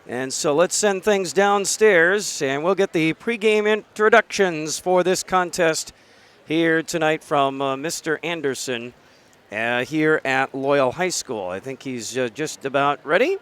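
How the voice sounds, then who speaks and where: A man's voice: on the high side, unhurried, a bit bright, clear, resonant tone. An American man calling a basketball game live for radio, with conversational, folksy asides. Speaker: radio play-by-play commentator.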